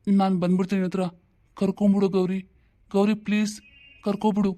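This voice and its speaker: Woman voicing a weary ailing old father, dark flat voice. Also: mid-range voice, a little fast, close to an everyday voice. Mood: longing. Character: ailing old father, weary and longing for his late wife.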